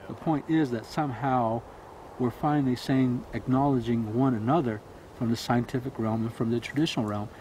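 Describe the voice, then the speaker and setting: A man's voice: medium pitch, fairly even intonation, moderate pace, a little mellow, slight background noise, rough recording. A man speaking reflectively in a casual conversation outdoors. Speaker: interviewee.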